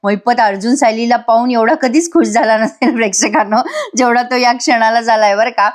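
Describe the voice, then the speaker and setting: A woman's voice: fairly high pitch, brisk. A woman giving a voice-over review of a TV serial episode, chatty and constantly turning to her viewers. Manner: chatty, keeps addressing viewers.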